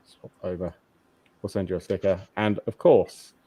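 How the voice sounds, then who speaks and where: A man with a fairly low voice hosts a relaxed podcast over a remote call. He teases the others and chuckles at his own asides. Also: normal speed, no room sound. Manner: jokey, teasing, chuckles at his own quips. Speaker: podcast host. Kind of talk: casual podcast chat.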